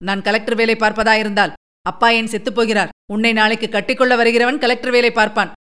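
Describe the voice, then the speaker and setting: A woman's voice: on the high side, little pitch movement, fast, fairly bright tone, smooth, lightly acted. A woman reading a story aloud and voicing a short-tempered young man in her own voice, curt and brusque.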